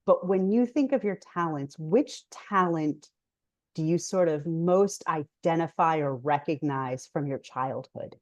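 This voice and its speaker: A woman's voice: low voice, unhurried, no echo. A woman hosting an interview over a video call, upbeat and promotional as she introduces her guest. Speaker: host.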